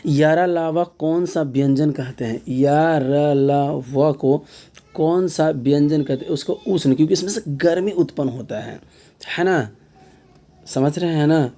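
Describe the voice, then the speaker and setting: A man with a very dark, mellow voice takes students through an exam-prep grammar lesson. He explains step by step and keeps asking the key terms back as questions, with a filler tag dropped into his sentences. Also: a little high, normal speed. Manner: frequent filler tags mid-sentence. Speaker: teacher.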